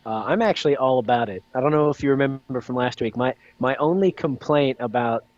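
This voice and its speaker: A man's voice: mid-range voice, brisk, no room sound, highs cut off. A man co-hosting a casual podcast, opinionated and loose with fillers. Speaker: podcast co-host.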